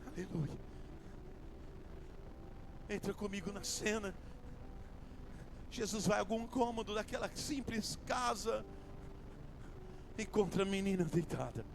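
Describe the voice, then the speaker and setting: A man preaching a fiery sermon as a bishop in a church, with a Brazilian accent, shouting in repetitive refrains and then dropping to a hush. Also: sits high, lively intonation, unhurried, vocal fry, pauses often, background noise. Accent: Brazilian Portuguese. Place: church sanctuary. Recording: music playing behind the voice.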